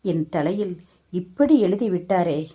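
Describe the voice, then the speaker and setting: A woman's voice: fairly low pitch, animated, a little slow, mellow, breathy edge. A woman voicing a wronged mother who bitterly questions and grieves over her hard life. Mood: anguished. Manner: pleading, anguished questioning.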